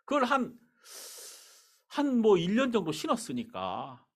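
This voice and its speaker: A middle-aged male pastor telling a personal story in a sermon, in an animated, conversational way. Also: sits high, a little slow.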